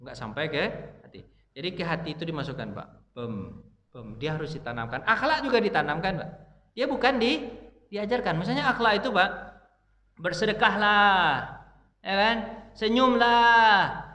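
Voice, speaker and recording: A man's voice: a little high, animated, a little fast, sharp tone. A man giving a casual mosque lecture, talking to the congregation and asking them questions he answers himself. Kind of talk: casual sermon to a dawn congregation. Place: mosque hall. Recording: echoey mosque hall.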